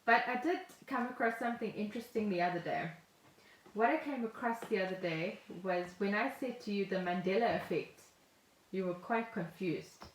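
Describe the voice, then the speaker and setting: Speaking at a normal pace with a medium pitch, this South African podcast co-host tells stories jokingly in a casual chat. She's indoors at home on a remote call, and the sound carries a roomy echo and some faint noise.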